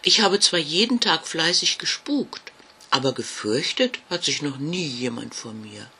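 A man voicing a friendly, eager little ghost girl in a children's story, with a raised, bright voice. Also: medium pitch, very animated, slow pace, creaky, a little hiss or hum, heavily acted. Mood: earnest.

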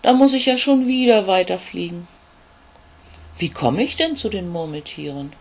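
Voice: medium pitch, sing-song, measured pace, gravelly, a bit bright, husky, pitched above the performer's own voice, exaggerated voice. A storyteller voicing a small, timid young male ladybug who asks politely and eagerly for help. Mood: dismayed.

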